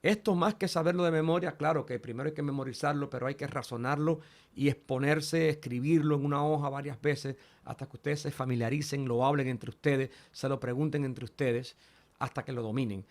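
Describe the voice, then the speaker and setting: A man's voice: medium pitch, a little fast. A man teaching a Greek lesson, modeling each letter's sound aloud and speaking directly to his students. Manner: addresses students directly, repeats key points. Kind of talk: online language lesson.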